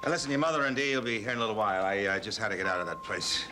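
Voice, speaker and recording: An actor playing a middle-aged father, hurried and gruff. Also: on the low side, lightly acted. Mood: brusque. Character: middle-aged father, brusque bar owner. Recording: old TV broadcast with music.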